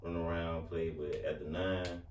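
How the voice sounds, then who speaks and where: A man with a Southern accent from Alabama, a rapper guest telling his story slowly and calmly in a casual interview. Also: sits low, a little hiss or hum. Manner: slow, laid-back storytelling. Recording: echoey room, mic at a distance, faint ambience.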